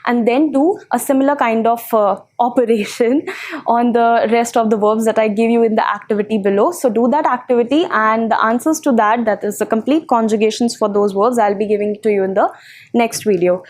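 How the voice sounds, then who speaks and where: A woman's voice: a little high, steady tone, brisk, darkish tone. A woman teaching French verbs in an online lesson, explaining step by step with frequent filler sounds. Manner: explains step by step, many filler ums and uhs.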